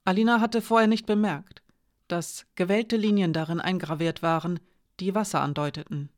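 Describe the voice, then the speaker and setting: A narrator with a medium-pitched voice reads a fantasy novel for an audiobook, keeping the storytelling even and measured.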